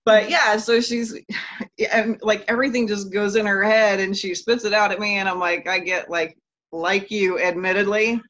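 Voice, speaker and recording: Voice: mid-range voice, steady tone, moderate pace, a bit bright. A podcast host in casual interview chat, talking loosely in rambling sentences and joking along.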